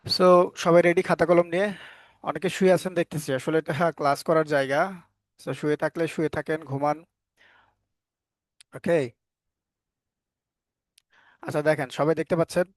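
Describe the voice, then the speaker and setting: A man's voice: a little high, level tone, moderate pace, pauses often, no echo. Firm man teaching English phonics online. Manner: repeats questions to students, firm and scolding at times. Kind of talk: live online class lecture.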